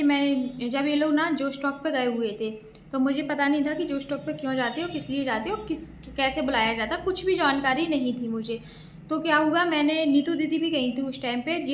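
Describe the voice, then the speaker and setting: High-voiced woman vlogger, roomy echo. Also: slight background noise. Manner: explains at length to viewers, aggrieved. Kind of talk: casual storytelling vlog.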